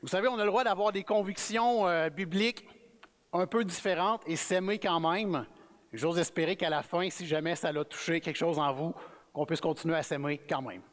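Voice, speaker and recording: A man with a Québécois French accent, preaching as a guest speaker in a relaxed, friendly, conversational sermon. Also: on the high side, moderate pace. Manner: relaxed, friendly, self-effacing. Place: church sanctuary. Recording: reverberant church hall.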